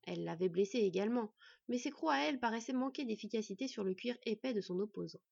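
A woman narrating a fantasy story in a measured storytelling way. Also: on the high side, expressive, vocal fry, darkish tone, slightly rough, dry recording. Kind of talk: scripted narration. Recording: dry, slightly dull recording.

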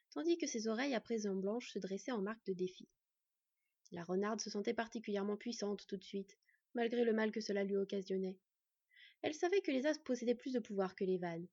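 Breathy woman reading a fantasy novel. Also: fairly high pitch, no room sound, lo-fi sound. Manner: expressive storytelling, acting out the characters. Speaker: audiobook narrator.

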